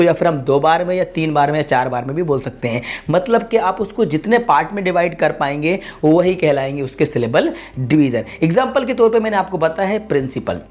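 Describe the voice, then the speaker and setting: A man hosting an English lesson, explaining syllable division slowly and repeating each word part by part. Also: high-pitched, a little mellow. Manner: slow and repetitive, spells words out syllable by syllable. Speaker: English teacher, channel host.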